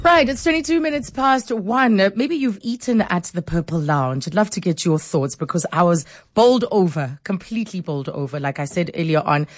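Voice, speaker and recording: A woman's voice: lowish voice, expressive, fairly quick, hardly any pauses. A woman with a South African accent hosting an informal radio interview in an effusive, chatty way. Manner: effusive, chuckles often. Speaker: radio host.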